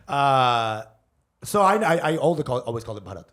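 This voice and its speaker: Male co-host, mid-pitched, crude joking podcast banter. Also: big pitch swings, fairly bright tone. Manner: joking, crude, quick to laugh. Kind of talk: casual podcast chat.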